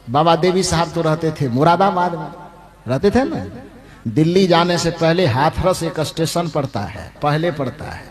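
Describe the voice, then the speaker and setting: A male preacher giving a devotional discourse. He poses rhetorical questions, answers them himself, slows down to stress names, and chuckles often while speaking. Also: high voice. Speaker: religious preacher.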